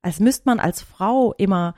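A woman's voice: medium pitch, measured pace, no echo. Dry-sounding woman telling stories. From Germany. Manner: animated storyteller, talks at length. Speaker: podcast co-host. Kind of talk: casual chat.

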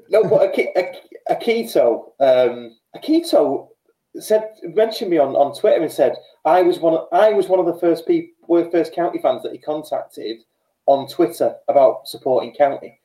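An English man with a mellow, slightly high voice hosts a casual football podcast. He talks in a matey, informal way, and the sound is noticeably roomy. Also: expressive, moderate pace. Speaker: podcast host. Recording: roomy, echoey voice.

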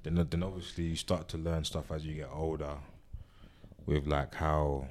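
Young man, deep voice, London accent, slangy, emphatic repetition, casual anecdotal chat. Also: level tone, moderate pace, noisy background. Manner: slangy, repeats himself emphatically.

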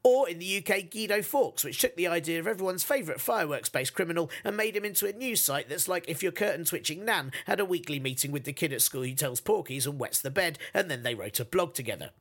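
A man's voice: on the high side, animated, fast, hardly any pauses, fairly bright tone. A British man hosting a podcast with a jokey, self-deprecating comic monologue to his listeners. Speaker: podcast host.

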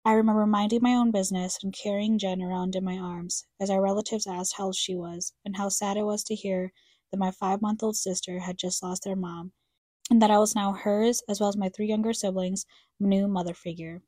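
A woman's voice: mid-range voice, steady tone, brisk, warm tone, no echo, studio quality. A young woman reading a scripted, somber personal narration, speaking reflectively to her late mother. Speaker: podcast co-host narrator.

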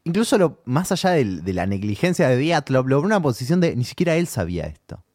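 A man's voice: medium pitch, sing-song, fast talker, a little mellow, dry recording. A man with a Rioplatense accent chats casually as a podcast co-host, with lots of fillers and restarts. His voice is recorded close and dry, with no room sound. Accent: Rioplatense Spanish. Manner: conversational, restarts and fillers like "tipo". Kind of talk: casual chat reviewing a series.

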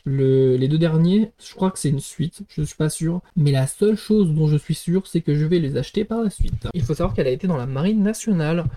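A man's voice: on the high side, expressive, a little fast, hardly any pauses, dark tone, a little hiss or hum. A man hosting a book podcast, giving a casual review in a rambling way with lots of fillers and self-corrections. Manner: self-deprecating, chuckles at himself.

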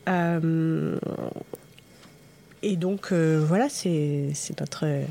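A woman being interviewed as a subtitle translator. She answers hesitantly, uses many fillers, and lets her sentences trail off softly. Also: low-pitched, extremely slow, creaky, slight background noise.

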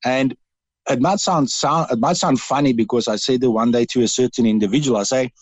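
A South African man with a South African accent calls in to a radio interview, talking earnestly but often halting and starting again. His voice is mid-range and fairly quick, and the recording is dry.

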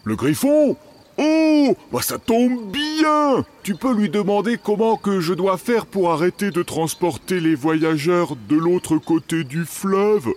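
A man voicing a huge, good-natured male river giant who speaks slowly in a high, exclaiming voice. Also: expressive. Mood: cheerful, bewildered. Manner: high, slow, exclaiming, homely speech.

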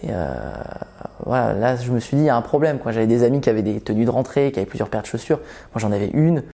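A man's voice: medium pitch, fast, mellow. A man in his twenties telling his own life story in a podcast, hesitant, with many fillers and restarts. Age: 20s. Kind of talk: personal testimony podcast.

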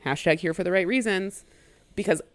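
Co-hosting a podcast, a young woman on the low side of pitch talks a little fast in a dry recording. She casually, animatedly recaps a reality show, cursing without restraint and playing out what people said.

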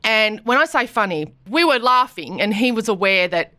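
An Australian woman from Queensland, co-hosting a podcast and telling a story in casual chat, animated and swearing freely. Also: fairly high pitch, normal speed, dry recording. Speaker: podcast co-host.

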